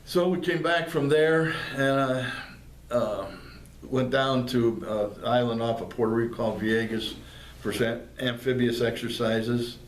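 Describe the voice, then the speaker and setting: An older man from northeastern Pennsylvania, a veteran, recounts his service in an oral history interview held in a public library room. His medium-pitched voice stays fairly even and measured, and his plainspoken telling is full of fillers and restarts. The recording sounds roomy, with faint background noise.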